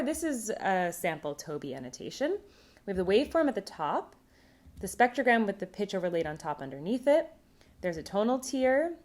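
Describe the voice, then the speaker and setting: Woman, conference presenter, recorded academic talk, slightly low pitch, clear measured delivery.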